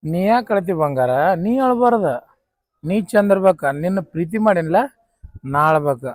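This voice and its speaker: Guy acting as a drunk heartbroken young man, north karnataka kannada accent, high voice, dry sound. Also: lively intonation, moderate pace, dry recording. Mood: despairing, pleading. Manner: pleading and self-pitying. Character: jilted young man drinking away heartbreak. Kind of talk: short film acting.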